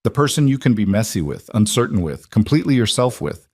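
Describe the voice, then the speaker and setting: Man voicing a gentle single-dad groom. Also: lowish voice, very animated, fast, no echo, clean studio sound. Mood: tender. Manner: warm, earnest. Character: gentle, guarded single dad making vows.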